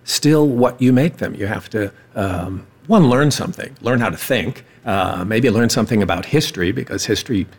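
A man in his seventies, speaking haltingly with many pauses as a panelist in a discussion. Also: on the low side, expressive, breathy edge. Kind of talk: casual discussion.

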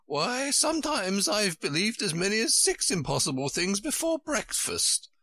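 A man voicing a flustered, bossy old queen from a storybook, kindly and dotty, in a shrill, squeaky, insistent way. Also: very animated, pushed and bright, exaggerated voice. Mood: pitying, boastful. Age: older. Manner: exclamatory, insistent, drawn-out delivery.

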